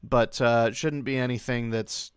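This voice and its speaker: A young man hosts a livestream, chatting casually in a rambling, hesitant way and breaking off his own sentences. His mid-range voice is smooth, with fairly even intonation at normal speed. The recording is studio quality with no echo, and he coughs occasionally from long covid.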